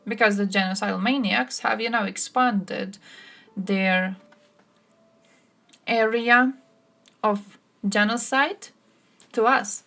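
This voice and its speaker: A woman's voice: medium pitch, takes it slowly, creaky, long pauses, fairly bright tone. A woman from Croatia streaming live, giving blunt, sarcastic political commentary and answering chat, swearing freely.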